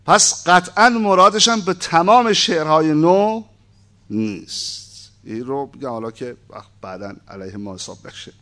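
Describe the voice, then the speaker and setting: A man's voice: a little high, lively intonation, pushed and bright. A man giving an informal lecture, reading a text aloud and breaking off into conversational, wry asides. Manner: conversational, asides and wry humor between read passages.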